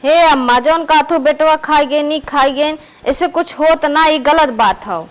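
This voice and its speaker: A woman with an Awadhi accent acting a kind young daughter-in-law who gently reasons with her mother-in-law in a family comedy skit. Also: high voice, a little slow, poor audio. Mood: coaxing. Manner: gently persuasive.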